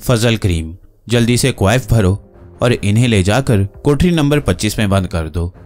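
A man voicing a gruff, bullying middle-aged jailer who sneers and threatens. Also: on the low side, expressive, moderate pace, a little mellow, soft background music, close to an everyday voice. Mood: shaken.

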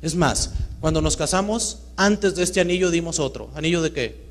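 A man giving a live talk to an audience, swinging between loud emphatic bursts and hushed storytelling. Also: on the high side, lively intonation, normal speed. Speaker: motivational speaker. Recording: reverberant hall with mains hum.

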